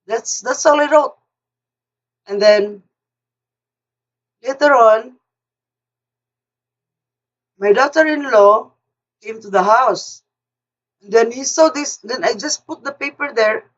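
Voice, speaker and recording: Older woman telling a story, distant and dull. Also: fairly high pitch. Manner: halting, repeats words and restarts often. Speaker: speaker sharing a personal story. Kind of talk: casual storytelling. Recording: distant mic, dull lo-fi sound.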